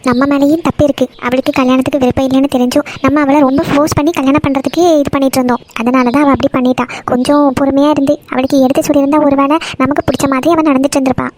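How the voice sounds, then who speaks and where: A woman voicing a patient, forgiving mother in a cartoon, gently pleading with her husband. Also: high-pitched, level tone, very fast, hardly any pauses, close to an everyday voice. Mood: pleading, gentle. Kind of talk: Tamil cartoon voice acting.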